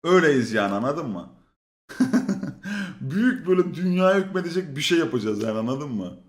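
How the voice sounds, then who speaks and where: A man tells a story in a casual, animated way, with a voice that sits a little high and swings widely in pitch. He swears freely and breaks into laughter. His voice rings in an echoey room. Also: brisk. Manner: swearing, laughing storyteller who acts out others' lines. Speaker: storyteller on a stream. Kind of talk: casual anecdote telling.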